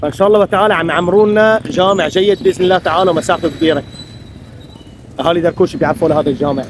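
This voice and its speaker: A man's voice: sits high, rapid-fire. A man with a Syrian Arabic accent chatting casually as a street vlogger, addressing viewers and locals. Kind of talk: casual street vlog chat. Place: outdoors on a town street. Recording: clear traffic noise, outdoor street.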